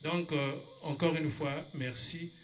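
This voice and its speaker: A man hosting a religious youth gathering, giving informal announcements and thanks in short, unhurried phrases. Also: a little high, steady tone, heavy background noise. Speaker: host of a religious youth forum. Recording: dull live event sound.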